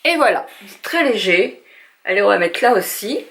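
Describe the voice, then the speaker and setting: A woman's voice: mid-range voice, sing-song, normal speed, fairly bright tone. Chatty older woman doing a makeup tutorial. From France. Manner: chatty, hesitant, addresses viewers directly. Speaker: beauty vlogger. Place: at home.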